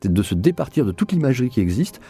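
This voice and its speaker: A man who directs audio dramas reflects in an interview, explaining and rephrasing his points with repetition for emphasis. He talks fast in a mid-range, sing-song voice with a dark tone, over soft background music.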